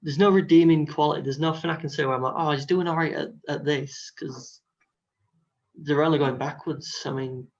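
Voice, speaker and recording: A man's voice: on the high side, steady tone, normal speed. A young man, talking casually and rambling on a podcast. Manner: rambling, lots of "you know". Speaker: podcast co-host. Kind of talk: casual chat. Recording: dull lo-fi audio.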